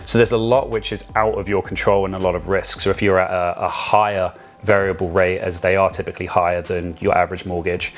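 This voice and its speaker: A man's voice: low-pitched, little pitch movement, brisk. A man co-hosting a real estate podcast, talking in a casual, rambling way with many restarts and the odd joke. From Vancouver area. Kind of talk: casual chat.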